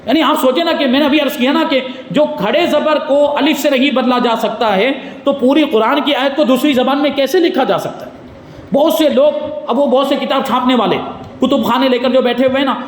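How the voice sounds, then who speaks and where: A man teaching a religious lecture in a mosque, explaining points and putting rhetorical questions to his listeners. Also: extremely high pitch. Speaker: mufti teaching Quran commentary. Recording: echoey hall with faint ambience.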